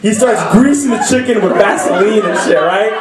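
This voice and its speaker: A young man from Chicago performing a story on stage at a story slam, animated and profane, often laughing as he talks. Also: high-pitched, normal speed, far from the mic, a loud crowd. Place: stage before a live audience. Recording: roomy hall with audience laughter. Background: audience laughter.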